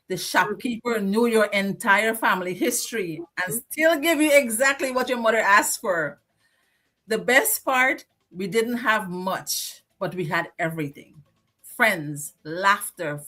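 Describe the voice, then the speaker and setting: A woman with a Guyanese accent hosts a casual live chat, spinning animated stories from her childhood. Her voice sits at a middle pitch for a woman, and her delivery is lively and conversational. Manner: animated nostalgic storytelling. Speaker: co-host.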